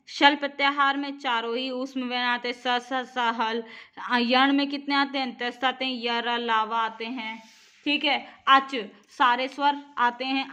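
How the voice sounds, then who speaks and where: High-voiced woman teaching a grammar lesson. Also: sharp tone. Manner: repeats points and quizzes the viewer. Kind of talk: exam-prep grammar lesson.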